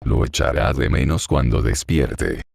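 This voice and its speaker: A man's voice: rumbling low, expressive, measured pace, vocal fry, darkish tone, dry recording, clean studio sound, full character voice. A man reading a grieving old man, hollow voice. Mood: tender, dazed. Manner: hollow, murmuring, talks to himself. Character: grieving, confused old man, muttering to himself. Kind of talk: audiobook reading.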